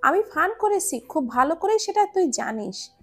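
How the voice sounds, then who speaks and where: A man's voice: very high voice, sing-song, moderate pace, a bit bright, faint music behind, pitched above the performer's own voice, heavily acted. A woman voicing a worried, sensible young man in a romance story.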